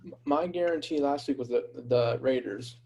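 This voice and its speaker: Easygoing man with a mellow voice. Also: medium pitch, normal speed, low-quality recording. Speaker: podcast co-host. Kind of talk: casual sports chat.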